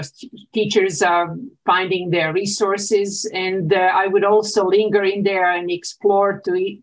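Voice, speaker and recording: A middle-aged woman born in Croatia, a native Croatian speaker, welcomes a webinar audience as co-host over a video call. Her voice sits at a moderate middle pitch, and her delivery is halting, full of "uh" fillers between phrases. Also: poor audio. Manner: hesitant, many "uh" fillers. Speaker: university dean, co-host. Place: home office on video call.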